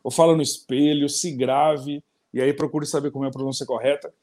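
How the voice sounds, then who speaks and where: Lively Brazilian man hosting an interview. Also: medium pitch, a little fast. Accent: Brazilian Portuguese. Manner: lively, laughing, talks to viewers directly. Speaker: interview host. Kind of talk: casual interview chat.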